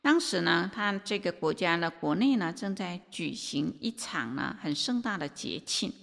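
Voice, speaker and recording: A woman giving a Buddhist sermon and telling a story, unhurried and full of drawn-out filler particles. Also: fairly low pitch, gravelly, a bit bright. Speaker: Buddhist teacher. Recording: long reverb of a hall.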